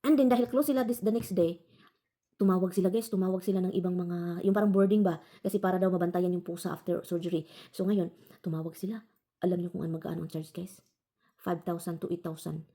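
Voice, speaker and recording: A woman's voice: lowish voice, fairly even intonation, fast, warm tone. A woman from the Philippines telling a rambling story to her viewers, calling them "guys" all the time and restarting her sentences. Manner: frequent self-corrections and restarts. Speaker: vlogger.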